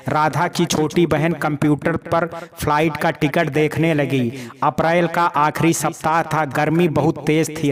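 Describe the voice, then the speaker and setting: A man tells a sad family drama as an audio story, in a fairly high voice with a plain, steady delivery. Crowd chatter is clearly heard behind him the whole time. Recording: crowd noise in background.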